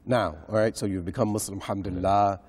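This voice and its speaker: Male interviewer, low voice, short prompts and agreement. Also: fairly even intonation, fast, a little mellow. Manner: brief affirming interjections. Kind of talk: interview questions.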